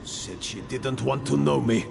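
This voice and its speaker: A man voicing a tormented, remorseful ghost of a squire in a video game, pleading and halting with a gravelly voice. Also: mid-range voice, music in the background. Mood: sorrowful. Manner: anguished, halting, pleading delivery. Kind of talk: dramatic video game voice acting. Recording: long ghostly reverb, noisy ambience.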